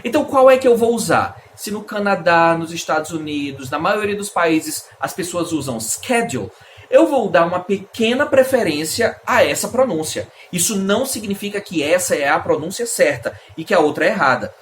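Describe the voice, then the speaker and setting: A man's voice: high voice, animated, moderate pace, few pauses, a little hiss or hum. A Brazilian man, an English teacher, explaining in a casual video lesson and answering his own questions. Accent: Brazilian Portuguese.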